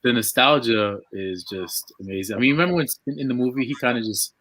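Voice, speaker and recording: Bright, gushing man in casual chat. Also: mid-range voice. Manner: excitable, gushing, quick laughs. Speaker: diorama artist on a live panel.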